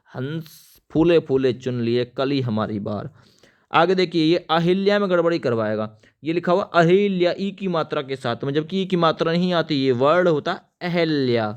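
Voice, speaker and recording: A man's voice: on the high side, clean tone, muffled recording. A man teaching an exam-prep spelling lesson, spelling words out letter by letter as he writes and telling viewers to remember the important ones. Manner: addresses viewers as friends, stresses importance.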